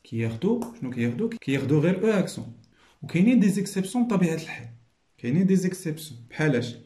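A Moroccan male teacher explains a lesson and repeats each point, drilling the French words slowly. His pitch moves up and down a lot and his tone is mellow. The room gives his voice a clear echo. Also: sing-song. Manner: repetitive, checks understanding often, drills slowly on French words. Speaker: primary school teacher.

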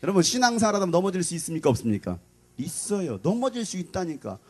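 A husky-voiced middle-aged pastor preaching to young people, his pitch leaping high and low. He bursts into shrill, shouting impressions of scolding mothers, then drops back into a low, steady delivery. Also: fast talker. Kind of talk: youth sermon. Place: church hall.

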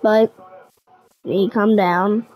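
A woman's voice: mid-range voice, fairly even intonation, slow, a little mellow, faint music behind, rough recording. A young woman talking viewers through a game tutorial in a casual, chatty way, now and then grumbling in frustration. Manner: chatty, easily frustrated, talks to viewers directly. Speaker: gaming tutorial creator. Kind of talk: casual gameplay commentary.

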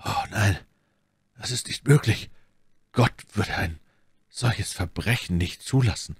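Male reader as a grave storybook swordsman, slow and grim, low voice, dry close sound. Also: breathy edge, no room sound, heavily acted. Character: grave older swordsman, somber and brooding.

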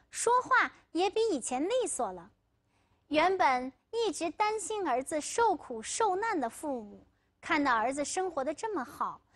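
A woman lecturer on a TV legal show tells a story vividly in a studio. Her voice sits high and rises and falls with wide swings. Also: fairly bright tone.

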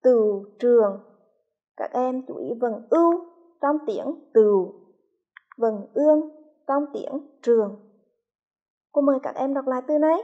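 Patient teacher woman with a soft husky voice. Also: high voice, animated, dull audio. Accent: Vietnamese, from Hue. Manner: slow, clearly articulated, patient. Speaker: primary school teacher. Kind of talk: reading lesson for young children.

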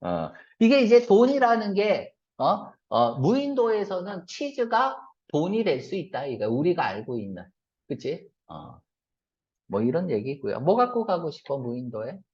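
Male reading teacher, animated lecture delivery, fires off rhetorical questions, dull lo-fi recording. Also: on the high side. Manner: asks the class quick questions and answers them himself; mixes casual and polite speech. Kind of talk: classroom lecture.

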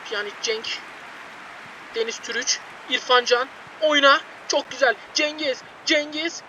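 A man giving excited, shouty commentary over his own football video game play, repeating players' names and groaning at mistakes, his voice going hoarse. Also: very high voice, measured pace, lo-fi sound, slight background noise. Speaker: gaming YouTuber. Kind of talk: live gameplay commentary.

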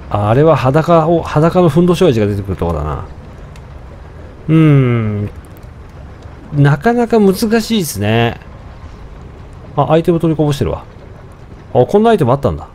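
A young man casually commenting on his own gameplay, chatting to himself with sudden excited outbursts. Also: a little high, normal speed, pauses often, slight background noise. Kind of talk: casual let's-play commentary.

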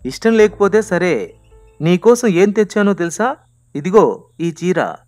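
A man's voice: sits high, sing-song, a little slow, darkish tone, dry recording, faint music behind, voice pushed up. A man voicing a pushy young man who keeps coaxing and insisting.

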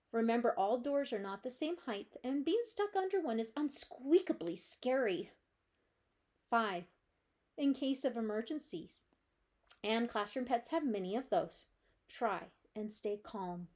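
A woman librarian reading a children's chapter book aloud with gentle, steady storytelling. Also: a little high.

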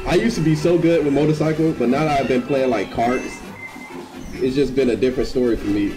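A man giving live gameplay commentary as a streamer, slangy and excitable, breaking into screams. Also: mid-range voice, brisk, poor audio. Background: game music.

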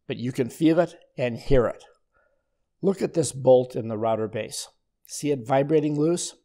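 An older man giving a calm, methodical voice-over as he explains a woodworking demonstration. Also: mid-range voice. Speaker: woodworking instructor. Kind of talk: scripted voice-over narration.

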